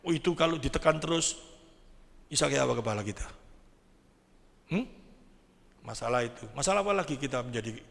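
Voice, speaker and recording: Gravelly pastor preaching. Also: male voice, mid-range voice, lively intonation, fairly quick, pauses often, a bit bright, long reverb tail. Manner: asks the congregation rhetorical questions. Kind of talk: sermon. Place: church sanctuary.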